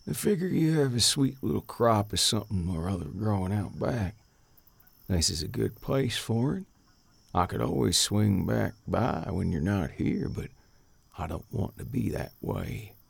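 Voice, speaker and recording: Guy doing a scruffy young drifter, raspy, low-ish, sly and easy. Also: lively intonation, a little slow, dry recording, full character voice. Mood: wheedling.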